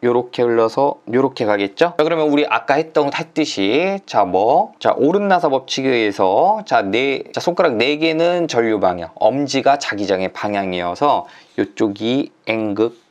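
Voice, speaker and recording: Male lecturer, chatty online exam-prep teacher, plenty of fillers, average pitch. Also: animated. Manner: chatty, uses many fillers and drawn-out "ja".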